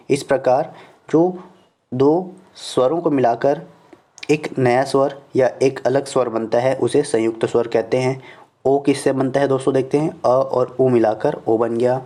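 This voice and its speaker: A man with a Chhattisgarh Hindi accent teaching a slide-based grammar lesson, explaining step by step, repeating definitions slowly and saying "okay" after each point. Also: mid-range voice, dark tone. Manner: explains step by step, often addressing viewers as "friends".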